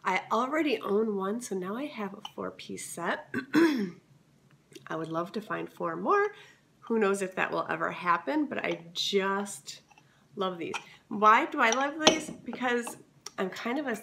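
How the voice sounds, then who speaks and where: A woman's voice: medium pitch, animated, measured pace, creaky, pushed and bright. A woman vlogger with a scratchy voice, chatting enthusiastically through a haul video. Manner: chatty and enthusiastic, many fillers.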